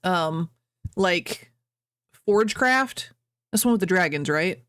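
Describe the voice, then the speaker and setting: A woman's voice: on the low side, animated, slow pace, fairly bright tone, clean tone, no room sound, clean studio sound. A young adult woman streamer chatting casually at home, rambling, reading chat aloud and laughing often. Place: at home, birds outside.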